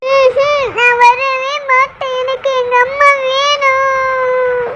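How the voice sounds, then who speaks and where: பெண் குரலில் அழுகையோடு சிணுங்கும் பிடிவாதக் குட்டிப் பையன், ரொம்ப உயர்ந்த கூர்மையான குரல். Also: female voice, very high voice, flat delivery, takes it slowly, bright, forceful tone, dull audio, slight background noise, pitched above the performer's own voice, full character voice. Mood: tearful. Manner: wailing, whiny and stubborn. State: crying. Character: small boy crying stubbornly for his mother. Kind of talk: cartoon voice acting.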